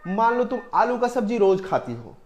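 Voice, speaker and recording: A man's voice: high-pitched, big pitch swings, normal speed. A man playing an evasive, sheepish husband in a scripted comedy skit.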